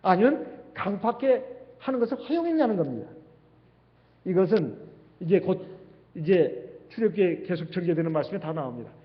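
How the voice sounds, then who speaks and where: A man's voice: sits high, very animated, normal speed, long pauses. A man preaching a sermon as pastor in a church, asking rhetorical questions as he goes. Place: church sanctuary. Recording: dull livestream sound with long hall reverb.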